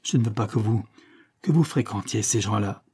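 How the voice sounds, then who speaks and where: A man's voice: fairly low pitch, normal speed, breathy edge. A man reading aloud and voicing an old husband who stammers and pleads in desperation. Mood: angry. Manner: stammering, pleading, rising to loud outbursts.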